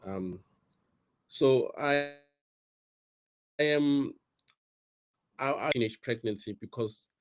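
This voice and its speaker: A man from South Africa speaking as a guest on a video call. His audio glitches and breaks up, and his speech comes out halting and fragmented. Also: mid-range voice, slight background noise.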